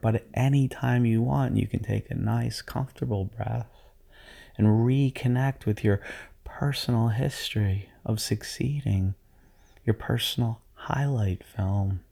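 A man leads a guided visualization for athletes in a calm, hypnotic cadence. His voice sits low and carries a noticeable vocal fry. His tone is mellow, and he sounds like a sports coach easing listeners into focus. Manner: slow, soothing, hypnotic delivery.

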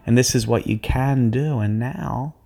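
A man working as a sports performance coach, leading athletes through a guided visualization in a slow, soothing, hypnotic way. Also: medium pitch, gravelly, warm tone.

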